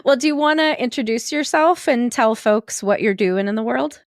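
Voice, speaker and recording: A woman hosting an interview podcast, encouraging and quick to laugh as she welcomes her guest. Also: fairly high pitch, dry recording, studio quality. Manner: warm, laughs often, encouraging. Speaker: podcast host.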